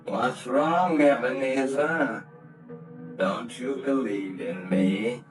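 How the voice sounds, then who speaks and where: An actor playing the solemn ghost of a dead businessman in a vintage radio play, slow, grave and hushed. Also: medium pitch. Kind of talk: vintage radio drama acting. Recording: old radio play with music. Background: music.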